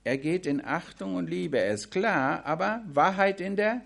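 A man's voice: fairly high pitch, lively intonation, unhurried, gravelly, a bit bright. A man giving a Bible study sermon, reading scripture aloud and then commenting on it in a conversational way. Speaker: preacher.

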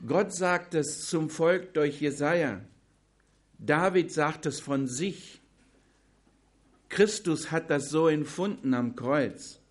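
A man delivers a sermon in a fairly high voice, speaking unhurriedly. He presses his points with emphasis and turns to the listeners with direct questions. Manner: slow, emphatic preaching, addressing the congregation directly. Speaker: preacher.

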